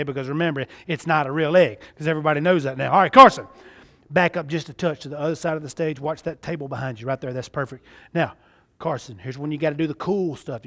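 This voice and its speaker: A man's voice: fairly high pitch, bright, forceful tone. A man with a Southern US accent doing live kids' magic show patter, showy and jokey like a party magician as he coaches a child. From Mississippi, United States. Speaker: stage magician performing with a child volunteer.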